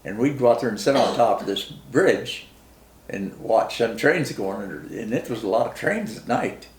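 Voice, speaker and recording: A very old man with a rural American Midwestern accent and a gravelly voice, remembering his life as a veteran in a halting, plain-spoken, folksy way during a casual interview. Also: lowish voice, expressive. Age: very old, 90s. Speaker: war veteran being interviewed. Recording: roomy, echoing interview recording.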